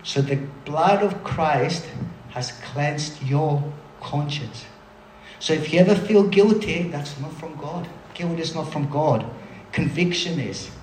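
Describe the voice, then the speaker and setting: A man delivers a sermon in a fairly high voice, lively and talkative, pausing for quick asides. His voice rings through a roomy hall, with a faint hum of ambience behind it. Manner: animated, conversational preaching with asides. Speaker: preacher.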